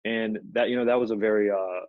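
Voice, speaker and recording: A man's voice: lowish voice, steady tone, fairly quick, no echo, narrow, tinny audio. A young man from Ethiopia, a featured artist, telling his story casually with many fillers like "you know" over a video call. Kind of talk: conversational storytelling.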